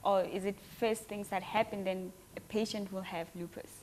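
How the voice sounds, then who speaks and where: Eager talk show hostess. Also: female voice, mid-range voice, fairly even intonation, moderate pace, darkish tone, a little hiss or hum. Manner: eager, reacting often. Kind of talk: studio talk-show interview.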